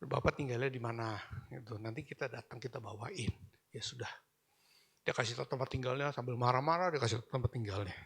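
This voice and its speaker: A middle-aged male pastor delivering an animated sermon, slipping English phrases into his talk. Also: medium pitch, creaky.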